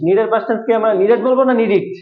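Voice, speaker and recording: Quick, high-voiced man teaching a class. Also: fairly even intonation, over music. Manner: asks a question, then repeats it for the class. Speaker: English teacher. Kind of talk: classroom lesson with call and response. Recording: echoey room, tinny phone-like sound.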